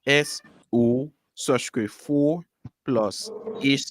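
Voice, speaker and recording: A man's voice: medium pitch, very slow. A man from Liberia moderating a quiz, announcing scores and questions in a firm, insistent way.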